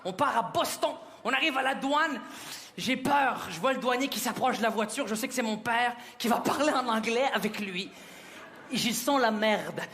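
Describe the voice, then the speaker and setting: A man from Québec with a Québécois accent doing an animated, mocking stand-up routine in a large live venue. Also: extremely high pitch, moderate pace. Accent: Québécois French. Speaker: stand-up comedian. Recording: live hall with crowd and noise.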